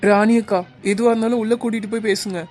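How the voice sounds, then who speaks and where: A woman voicing a kind, sensible young village woman in an animated drama, earnest and soothing. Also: on the high side, fast, lightly acted. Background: music.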